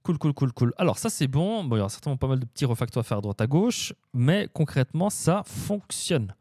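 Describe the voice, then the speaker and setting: A French-speaking man hosts a casual live-coding stream, his mellow mid-range voice swinging widely in pitch and moving a little fast. He chats with viewers and hums and mutters to himself as he codes.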